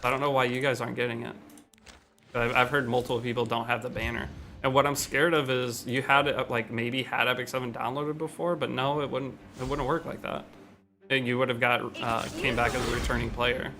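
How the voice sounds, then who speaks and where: A man's voice: medium pitch, level tone, brisk, pushed and bright, slight background noise. A man casually chatting on a game livestream from home, answering viewers' questions in an offhand, rambling way with some slang. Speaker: game streamer.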